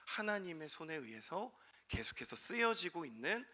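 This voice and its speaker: A young man in his twenties preaching a sermon to high school students as a youth pastor. He keeps calling out to his listeners and asks questions that he answers himself. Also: very animated, normal speed, sharp tone.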